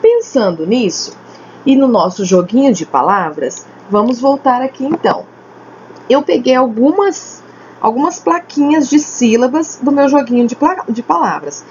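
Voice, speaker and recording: Woman, teacher, slow drawn-out emphasis, faint background hiss. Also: a little high, expressive, darkish tone. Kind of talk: remote lesson for children. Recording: slightly dull home recording with faint noise.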